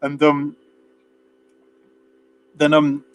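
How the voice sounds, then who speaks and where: A man's voice: on the high side, monotone, drawn-out words, smooth. A man co-hosting a film review, chatting casually with lots of fillers and restarts. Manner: rambling, many fillers and restarts, acts out quotes. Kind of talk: casual chat.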